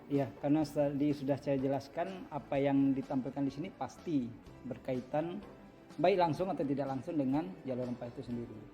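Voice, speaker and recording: A man guiding visitors through a museum exhibit. He explains carefully and pauses on fillers. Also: medium pitch, mellow, soft background music. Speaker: museum guide. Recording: dull lo-fi sound.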